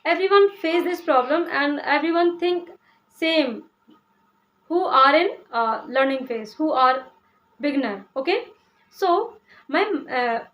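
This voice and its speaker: Speaking slowly in a high voice, a young Indian woman from Uttar Pradesh whose language is Hindi explains English learning in casual talk to camera, with a muffled recording. Hesitation marks her delivery: plenty of "uh" fillers, restarts, and a questioning "okay?".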